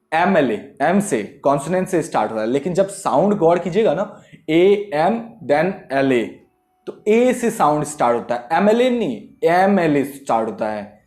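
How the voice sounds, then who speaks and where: A young man teaching English grammar to students, lively and repetitive, often checking whether they understood. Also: a little high. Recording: echoey room.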